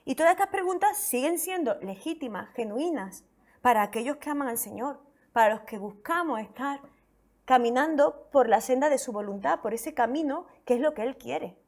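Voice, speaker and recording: High-voiced woman pastor preaching. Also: normal speed. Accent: Spain Spanish. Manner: expressive scripture reading, rhetorical questions to the congregation. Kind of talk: sermon.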